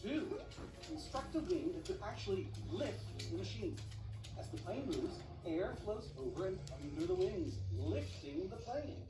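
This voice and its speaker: Woman playing theatrical know-it-all hero, animated emphatic delivery, TV comedy sketch, distant playback, clear music. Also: medium pitch, normal speed, echoey room, lightly acted. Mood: grandly explaining. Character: pompous theatrical superhero-like master of explanation. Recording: TV played back in room, music behind.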